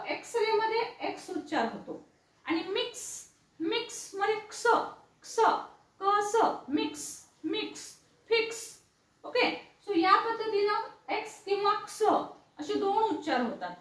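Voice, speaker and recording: A woman teaching English letter sounds, spelling out letters and repeating each sound slowly, often checking with "right?". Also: extremely high pitch. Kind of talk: classroom-style explainer lesson. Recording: echoey room, voice from a distance.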